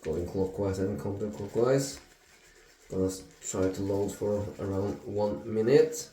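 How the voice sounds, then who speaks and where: A man in his thirties talks through his shave at a slow, unhurried pace, with plenty of ums and restarts. His voice is mellow and relaxed. The sound bounces around an echoey bathroom. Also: lowish voice, slight background noise. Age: 30s. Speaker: shaving video host. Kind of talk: casual talk-through vlog. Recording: echoey room.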